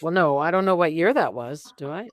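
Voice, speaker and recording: A woman's voice: low-pitched, lively intonation, fairly quick, no room sound. A woman hosting an interview podcast, chatting casually with joking asides. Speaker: podcast host.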